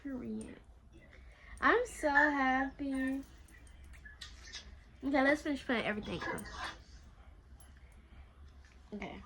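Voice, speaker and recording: A young woman unboxing gear in a casual vlog, excitable and chatty, talking straight to her viewers. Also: high voice, a little slow, gravelly, a little hiss or hum. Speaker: beginner content creator.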